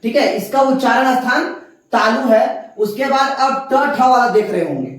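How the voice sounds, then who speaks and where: Patient woman teacher sounding out letters one by one, voice heard from a distance in a booming, echoey room. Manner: patient, explains step by step, sounds out letters slowly. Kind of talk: classroom lesson.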